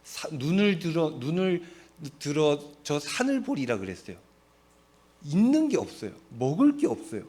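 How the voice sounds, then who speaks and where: With a slightly high, sing-song voice and a warm tone, a middle-aged man from Seoul, South Korea, preaches at a moderate pace. The pastor keeps things chatty, asking the congregation questions and supplying the answers himself, and he chuckles at his own jokes.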